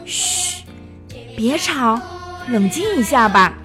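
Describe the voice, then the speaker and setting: A woman doing a soft-spoken elephant queen. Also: a little high, sing-song, normal speed, over music. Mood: soothing. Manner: soft and soothing, hushed. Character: gentle, patient elephant queen.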